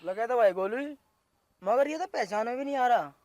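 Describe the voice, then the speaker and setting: A high-voiced taunting village sidekick. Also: male voice, lively intonation, moderate pace, darkish tone. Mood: mocking. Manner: echoing taunts. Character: young village man, mocking sidekick.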